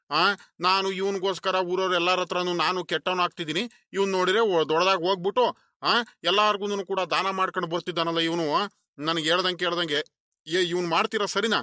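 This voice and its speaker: A resentful middle-aged villager from a cartoon, voiced by a man, who grumbles and repeats himself. His voice sits high and bright, recorded close and dry. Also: fairly even intonation, brisk, no room sound. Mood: grumbling. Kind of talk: animated cartoon voice acting.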